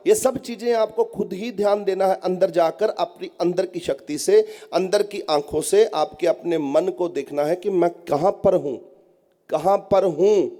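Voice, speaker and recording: A man with a high voice gives a devotional sermon to a seated congregation. His tone is mellow and soft-edged. He talks straight to his listeners in an earnest, coaxing way. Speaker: spiritual teacher. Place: prayer hall at a gathering.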